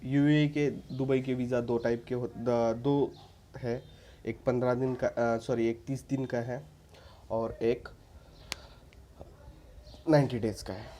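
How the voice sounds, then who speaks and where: Man vlogger, warm mellow voice, chatty and insistent, faint hiss behind. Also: mid-range voice, flat delivery, slow pace, long pauses. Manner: informal, repeats "ठीक है" as a tag, frequent restarts; earnest and insistent, addresses viewers as friends. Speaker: vlogger giving visa advice. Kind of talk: casual advice talk to camera.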